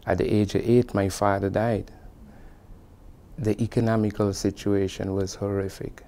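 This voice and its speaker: Recalling his personal history, this Guyanese-accented construction supervisor in middle age repeats phrases to press his points home, earnest and emphatic. Still, his lowish, warm voice has a flat delivery at a moderate pace, with slight background noise.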